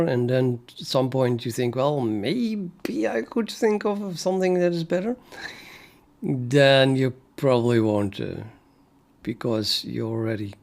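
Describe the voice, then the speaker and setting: A Dutch programmer, a native speaker with a Dutch accent, chats casually while live-streaming his coding, thinking aloud with lots of fillers and restarts. His mid-range voice is gravelly and darkish.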